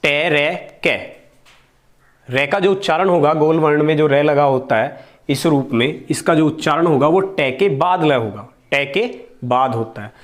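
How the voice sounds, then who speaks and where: A man with a somewhat high voice gives a classroom-style grammar lesson. He explains slowly and patiently, repeating terms and asking questions only to answer them at once. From India. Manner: explains slowly, repeats key words, asks and answers his own questions. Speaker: teacher.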